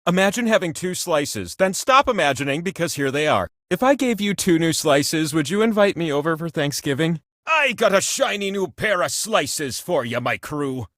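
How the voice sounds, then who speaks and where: An actor voicing a giant talking wheel that hosts a trivia video game, grandiose and playful, with teasing, folksy showmanship. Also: male voice, fairly high pitch, sing-song, normal speed, few pauses, a bit bright, no room sound, studio quality. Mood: showy, playful. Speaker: game show host. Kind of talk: theatrical video game host narration.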